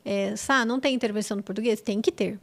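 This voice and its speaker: A middle-aged woman from Brazil, an English teacher, chatting as a podcast guest and explaining with quick, animated examples. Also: medium pitch. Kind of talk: casual podcast chat.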